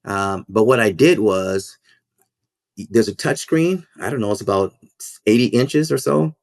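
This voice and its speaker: This lowish male voice belongs to a school principal and minister being interviewed for a podcast. Reflective and earnest, he pauses and repeats words as he works through his thoughts, and the recording is dry and studio-clean.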